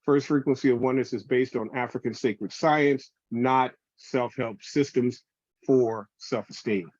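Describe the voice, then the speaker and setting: A man's voice: mid-range voice, steady tone, measured pace, darkish tone, no echo. A man who is a reverend presents a spiritual lecture over a video call, addressing listeners as family, heard in a screen recording. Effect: video call audio in a screen recording. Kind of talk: spiritual lecture to an online audience. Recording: dull, dry video call audio.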